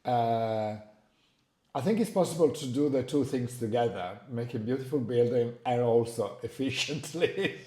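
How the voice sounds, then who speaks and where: A man from Italy with an Italian accent, a native Italian speaker explaining his work as an interview guest and often pausing to search for words. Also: medium pitch, dark tone. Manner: halting, searching for words, frequent hesitations. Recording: roomy, echoing sound.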